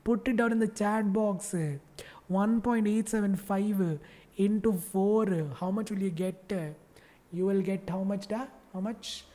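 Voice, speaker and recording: A man's voice: high-pitched, steady tone, unhurried, dark tone. A male teacher with a South Indian English accent runs a live online class in a chatty, teasing way. He keeps firing questions at his students and pretends that easy problems are terrifying. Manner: playful, mock-dramatic teasing.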